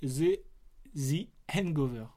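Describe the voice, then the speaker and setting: A man's voice: fairly high pitch, lively intonation, slow, dark tone. A man hosting a casual film podcast, teasing and quizzing his co-host about movie titles. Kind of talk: casual film chat quiz.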